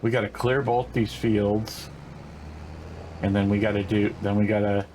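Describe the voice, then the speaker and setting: A man's voice: on the low side, flat delivery, a little slow, a little mellow, slight background noise, rough recording. An older man casually commenting while playing a farming game, rambling along with lots of fillers and restarts. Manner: rambling, laid-back, many fillers and self-corrections. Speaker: gaming channel host.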